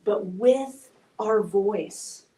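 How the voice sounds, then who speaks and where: A woman's voice: medium pitch, very slow, mellow. Woman giving an emotional personal talk, sounds far off from the mic, echoey room. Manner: candid, emotional, with restarts. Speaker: event speaker. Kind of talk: personal story talk to a live audience. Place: event hall.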